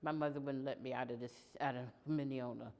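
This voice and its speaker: A woman in her sixties from Long Island, New York, giving plain, unhurried answers in an oral history interview that trail off quietly. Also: a bass voice, steady tone, highs cut off. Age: 60s. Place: indoor room in downtown New York.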